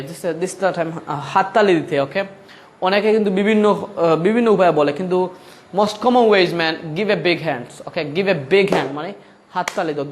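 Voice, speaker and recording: A man with a Bengali accent teaching spoken English to beginners, switching between languages, calling the listener brother and repeating each phrase slowly. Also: on the high side, slight background noise.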